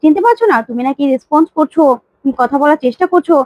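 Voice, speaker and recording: A woman's voice: high voice, expressive, racing, no room sound, lo-fi sound. A woman voicing an indignant elderly grandmother who complains and questions.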